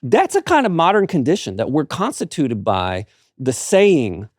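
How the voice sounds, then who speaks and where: A man's voice: on the high side, wildly swooping pitch, normal speed, no echo, clean studio sound. A man hosting a podcast conversation, explaining his thoughts in an easy, reflective way. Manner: thoughtful, explaining, laughs often. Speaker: podcast host. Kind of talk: casual conversation.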